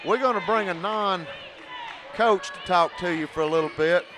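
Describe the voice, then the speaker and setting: A man's voice: high-pitched, a little slow. A man with an Appalachian accent and a folksy manner, working as a sports announcer doing commentary and courtside interviews. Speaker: radio play-by-play announcer, host. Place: indoor basketball gym during a game. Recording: noisy gym with crowd and bouncing balls.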